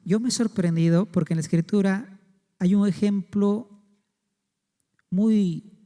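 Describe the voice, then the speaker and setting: Man, pastor, sermon, high voice, mellow tone. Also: steady tone, unhurried, long reverb tail. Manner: preaching with rhetorical questions to the congregation.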